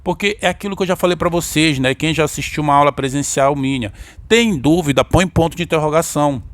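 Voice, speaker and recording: A man's voice: fairly high pitch, quick pace, dry recording. A man with a Brazilian accent teaching an exam-prep grammar lesson, explaining step by step and often checking in with his listeners.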